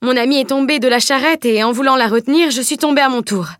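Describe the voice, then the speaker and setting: A woman reading a cheeky, boastful teenage boy in an audiobook, with lively, playful delivery. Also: high voice, fast, no echo, studio quality, voice pushed up. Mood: calm.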